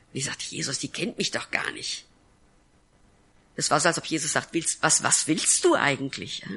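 A woman's voice: lowish voice, pushed and bright. A woman pastor giving an earnest sermon testimony, telling her story and acting out the lines of the people in it. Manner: earnest storytelling with acted-out quotes.

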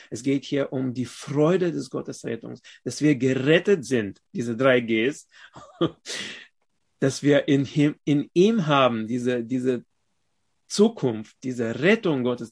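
Slow, halting male preacher. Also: medium pitch. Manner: slow, halting delivery with pauses, rising loud when reading scripture aloud. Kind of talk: sermon.

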